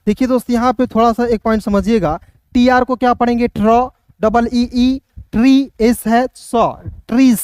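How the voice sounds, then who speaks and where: A man with a Hindi accent teaching English phonics, spelling words letter by letter and sounding them out slowly. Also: very high-pitched, steady tone, darkish tone, clean tone, dry recording, clean studio sound. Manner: slow, repeats words, checks with listeners.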